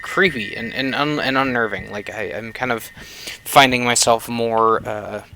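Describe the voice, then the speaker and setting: Gravelly man giving rambling game commentary. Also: mid-range voice, unhurried, pushed and bright. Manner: rambling with many fillers, sometimes muttering. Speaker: game reviewer. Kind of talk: casual let's-play commentary.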